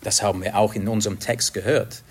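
A man's voice: on the low side, fairly even intonation, breathy edge. A man preaching a sermon in an earnest way, sometimes hunting for the right word. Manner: slow, earnest, searching for words at times.

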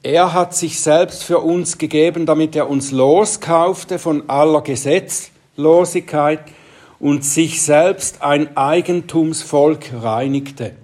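A man preaching a Bible teaching sermon, speaking deliberately and trailing off into quiet asides. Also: on the high side.

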